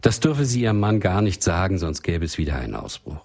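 A man reads a doctor's first-person case story in a calm, measured way. His voice is low and husky. The melody moves widely and keeps the narration lively. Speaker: doctor recounting a patient case. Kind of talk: read-aloud case story.

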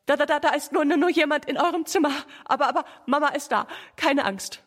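A woman voicing a frightened mother who stammers as she tries to calm her children. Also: high-pitched, fairly quick, pitched above the performer's own voice. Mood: panicky. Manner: stammering, breathless.

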